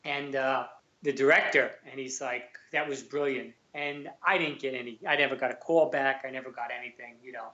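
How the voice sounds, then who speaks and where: A man's voice: mid-range voice, fairly even intonation, brisk, sharp tone. A middle-aged man with a Brooklyn accent, telling colloquial anecdotes casually and acting out bits of quoted dialogue. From Brooklyn, New York. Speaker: podcast guest, actor and former police officer. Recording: roomy, slightly dull remote audio.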